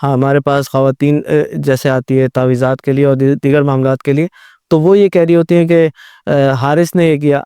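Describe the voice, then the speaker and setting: A man's voice: mid-range voice, little pitch movement, warm tone, clean tone, no echo, studio quality. A man hosting an interview, asking questions respectfully with frequent affirmations and light humor. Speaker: host.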